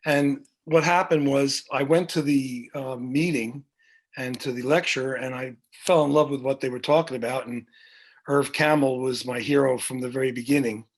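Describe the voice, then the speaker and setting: A man's voice: medium pitch, fairly even intonation, normal speed. A middle-aged man telling long rambling anecdotes with many fillers and restarts, as a guest on a video podcast. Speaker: guest, music director. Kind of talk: storytelling in a video podcast interview. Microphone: video call.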